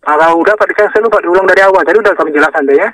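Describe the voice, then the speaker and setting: A man's voice: high voice, racing, fairly bright tone, dry recording, recorded from a distance. A man on a phone call giving repetitive, insistent instructions and often checking that he is understood. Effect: heard over the phone. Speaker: phone scam caller.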